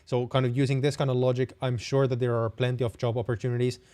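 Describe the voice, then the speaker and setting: On a live stream, a young man with a Finnish accent answers questions from viewers, rambling in a friendly way and restarting sentences often. His warm, mellow voice has a middle pitch and a level tone, and he talks fast.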